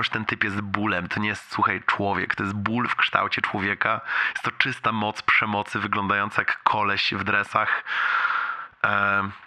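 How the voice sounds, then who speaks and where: A man's voice: lowish voice, sharp tone. A young adult man leaving a casual, confiding, slangy voicemail for a friend. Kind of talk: casual rambling personal voicemail.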